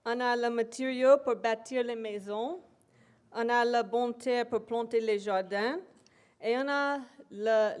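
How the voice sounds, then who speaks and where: An invited woman speaker, English being her first language, gives a slow, halting academic presentation in a lecture hall, with many pauses and fillers. Her voice is fairly high, a little mellow and clean in tone.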